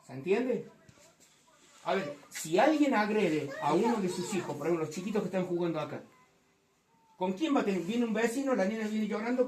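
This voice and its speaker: A woman's voice: medium pitch, slight background noise. Woman preacher, fervent sermon, echoey room, mic far off. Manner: fervent, rises to loud emphatic passages. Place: church hall.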